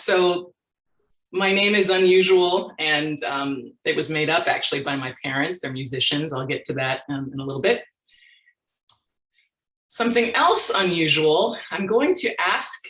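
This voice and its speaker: Calm woman guiding, roomy echo. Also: low voice. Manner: calm and inviting, with a slow soft guiding voice. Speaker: astronomer leading a workshop. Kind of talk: workshop talk with guided mindfulness. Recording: roomy echoey sound.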